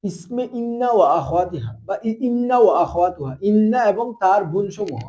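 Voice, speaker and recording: A man teaching a classroom grammar lesson. His voice sits high, and he talks quickly, firing rhetorical questions at his students to keep them answering. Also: expressive, dark tone. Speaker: madrasa teacher.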